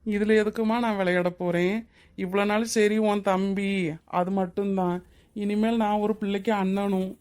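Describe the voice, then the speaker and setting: Played by a woman, a generous middle-aged husband in a cartoon speaks with a level, even tone. He talks in a warm, steady, reassuring way to his wife and her brother. His pitch stays flat and mid-range. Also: normal speed, lightly acted. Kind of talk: Tamil cartoon drama voice acting.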